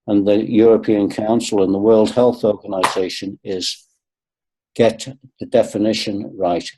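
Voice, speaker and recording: A man in his sixties appears as a guest on a webinar video call, speaking earnestly and repeating points for emphasis during the conversation. His voice sits on the low side with a dark tone, and the recording quality is poor.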